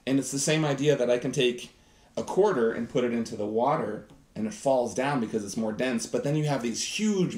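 A man's voice: mid-range voice, a little mellow. A man in his thirties doing a chatty, enthusiastic live science demonstration, talking directly to viewers. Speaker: science teacher host. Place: home kitchen set, indoors. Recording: roomy kitchen echo.

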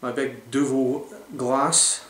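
A man's voice: mid-range voice, flat delivery, slow. Rambling man reviewing beer. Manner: rambling, enthusiastic, hesitant with many fillers. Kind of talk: casual beer review vlog. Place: small room indoors. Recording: roomy echoey home recording.

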